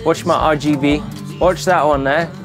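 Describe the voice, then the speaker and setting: A man's voice: a little high, fairly even intonation, moderate pace. A man vlogging casually as he builds out a van, chatty and self-mocking, tired from the work. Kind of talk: casual vlog while building. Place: inside a van under construction. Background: music.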